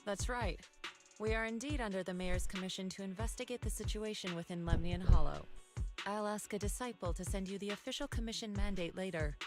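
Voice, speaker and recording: A woman's voice: medium pitch, lightly acted. A woman voicing a composed, authoritative martial-arts master in a video game, speaking formally and firmly. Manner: formal, measured, firm. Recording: loud music behind the voice.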